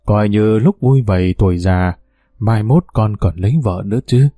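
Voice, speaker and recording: A man reading a storybook and voicing an elderly father in a fatherly, steady way. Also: lowish voice, moderate pace, no echo, clean studio sound, natural voice. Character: elderly village father, wise.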